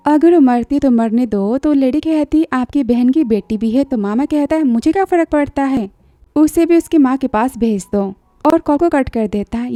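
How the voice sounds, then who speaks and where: A woman's voice: high voice, warm tone, dry recording. A woman narrating a drama recap in a chatty storytelling way, briefly acting out the characters' lines.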